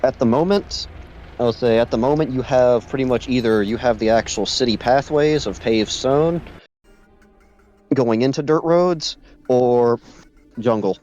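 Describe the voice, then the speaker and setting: A congested man narrating as game master, halting with many restarts and fillers, who keeps clearing his throat. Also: medium pitch, a little mellow, dull audio, soft background music.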